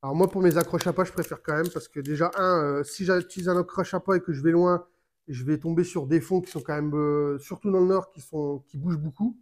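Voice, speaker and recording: A man with a slightly higher voice talks through a fishing rig step by step, as a casual tutorial. He breaks off often with fillers and restarts, and keeps talking while his hands work. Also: fairly even intonation, a little fast. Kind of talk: casual how-to explanation.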